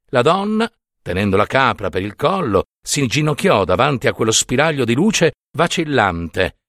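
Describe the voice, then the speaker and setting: A man narrating a classic short story in a literary audiobook reading, with expressive, theatrical storytelling. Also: mid-range voice, normal speed, dry recording, studio quality.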